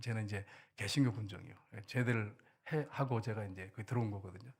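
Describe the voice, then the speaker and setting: A man's voice: fairly low pitch, fast, breathy edge. Older man telling a sermon story. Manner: animated storytelling, acting out quoted soldiers. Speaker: pastor. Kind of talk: sermon testimony. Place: church.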